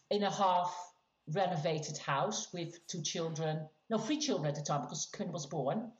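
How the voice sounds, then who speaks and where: A middle-aged woman from the Netherlands, telling a personal story as a podcast guest in an animated, laughing way. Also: lowish voice. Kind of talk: casual storytelling chat. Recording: roomy, slightly dull sound.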